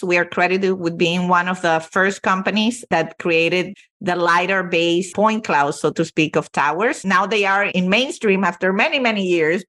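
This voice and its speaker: A woman's voice: lowish voice, fairly bright tone. A woman from Venezuela, a company CEO, telling her career story with earnest emphasis as a podcast guest. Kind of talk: podcast interview.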